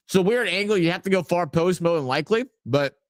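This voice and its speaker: A man hosts a live match watch-along, mixing loose play-by-play with shout-outs to his chat. His voice sits a little high, and he talks in a casual, rambling way. The recording is dry and close, with no room sound. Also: lively intonation, fairly quick, dry recording.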